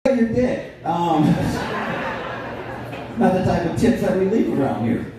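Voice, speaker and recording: A man's voice: high-pitched, animated, takes it slowly, warm tone. Brash, profane male stand-up comic. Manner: brash, profane, banters with the audience. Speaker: stand-up comedian. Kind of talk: stand-up comedy set. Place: comedy club stage with live audience. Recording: echoey club room, distant, crowd laughter.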